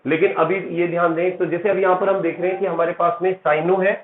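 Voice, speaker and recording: A man teaching chemistry to a class, walking through each step and checking that his students are following. His voice sits a little high for a man. The sound is thin and phone-like, with a noticeable room echo. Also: little pitch movement, quick pace. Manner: explains step by step with frequent "theek hai" check-ins; addresses students as "beta". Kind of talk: classroom lecture.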